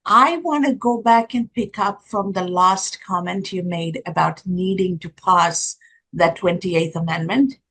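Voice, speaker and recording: A woman from Sri Lanka, hosting an interview and making her points earnestly and deliberately. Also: lowish voice, fairly bright tone, slightly rough. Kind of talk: interview questions.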